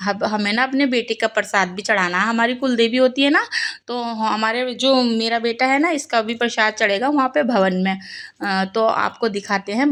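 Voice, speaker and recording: A woman's voice: mid-range voice, a bit bright. A young woman narrating her vlog in a chatty way, talking straight to her viewers as friends. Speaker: vlogger. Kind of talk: casual vlog voice-over.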